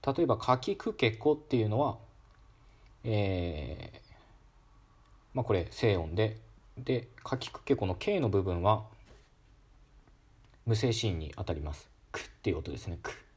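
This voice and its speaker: Calm male talk host, slightly husky, low voice, lively intonation, explaining and demonstrating speech sounds. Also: measured pace, pauses often. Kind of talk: casual educational monologue.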